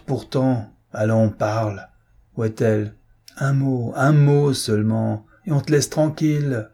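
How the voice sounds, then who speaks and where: A man's voice: fairly low pitch, mellow, slightly rough. A man voicing a cruel middle-aged marquis who commands harshly in an audiobook reading. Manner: harsh, commanding, increasingly frantic.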